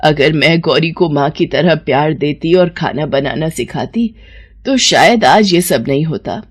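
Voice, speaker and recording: A woman voicing a stern middle-aged mother-in-law in a cartoon story, speaking in a lowered, scolding voice. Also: expressive, unhurried, darkish tone. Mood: remorseful.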